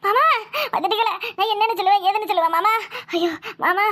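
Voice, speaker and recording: A piercingly high, shrill cartoon daughter-in-law, as a woman acts her out wails in a southern Tamil village dialect. She laments loudly between sobs, theatrical and scheming at heart. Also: quick pace. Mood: sobbing. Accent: southern Tamil Nadu village dialect. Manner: sobbing, loud lamenting. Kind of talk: cartoon voice acting.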